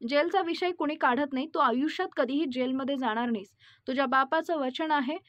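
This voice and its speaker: A woman reading the lines of a protective elderly father calming his daughter. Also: high voice, fairly quick, no echo. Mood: soothing. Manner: soothing, firm.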